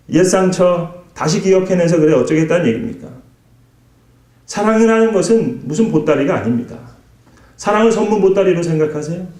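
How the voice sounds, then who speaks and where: Man, pastor, sermon, rhetorical questions, mellow voice, echoey church hall. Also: on the high side. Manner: earnest preaching with rhetorical questions and acted-out quotes. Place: church sanctuary.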